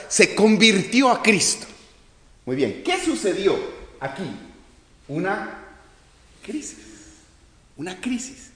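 A man preaching and teaching, explaining step by step and asking the audience questions that he then answers himself, often restarting his sentences. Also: medium pitch. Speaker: preacher teaching a church class. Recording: echoey hall with long reverb.

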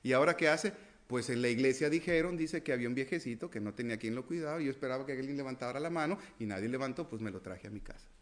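Man preaching, loud then hushed. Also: mid-range voice, fast talker. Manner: preaches with rhetorical questions, swinging from loud to hushed. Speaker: pastor. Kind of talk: sermon.

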